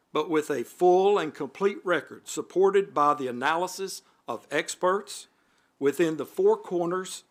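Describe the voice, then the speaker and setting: A man's voice: fairly high pitch, a bit bright. A man on a city board, reading prepared remarks at a council meeting in a formal manner. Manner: formal, reads prepared remarks with occasional asides. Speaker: city alderman.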